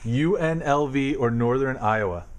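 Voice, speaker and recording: A man's voice: medium pitch, measured pace, slight background noise. A man casually quizzing his young daughter at home, asking questions patiently and teasing her. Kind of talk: casual home video chat.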